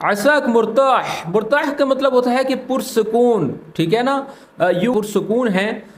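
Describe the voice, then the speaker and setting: Brief: man, high-pitched, patient lesson host, recorded in an echoey room. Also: a little mellow, slight background noise. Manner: patient, explanatory, repeats phrases slowly. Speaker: Arabic teacher, channel host. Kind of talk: language lesson explanation.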